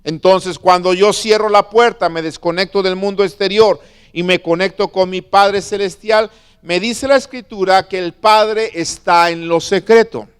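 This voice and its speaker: A man preaching a sermon as a pastor, stressing words slowly and asking his listeners questions. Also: sits high, clean tone. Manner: preaching with slow emphatic stresses and questions to the flock.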